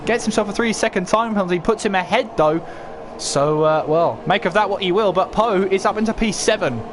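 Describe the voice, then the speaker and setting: A man's voice: high voice, a little fast, background noise. A man commentating live on a motor race as a motorsport commentator, calling it play-by-play and posing questions as he goes. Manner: running play-by-play with rhetorical questions.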